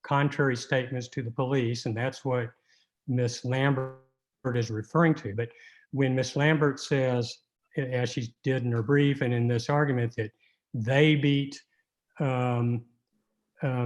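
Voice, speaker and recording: A man giving an oral argument in court as an appellate lawyer, halting and argumentative, often repeating words. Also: mid-range voice, steady tone.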